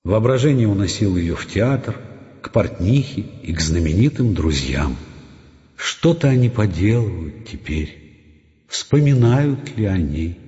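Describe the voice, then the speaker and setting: A man narrating a literary audiobook in an expressive, measured way. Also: on the low side, husky, muffled recording.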